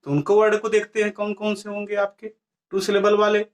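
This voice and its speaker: A man's voice: high-pitched, completely flat delivery, a little fast. A man teaching a grammar lesson. He asks his class questions, answers them himself and repeats the key words.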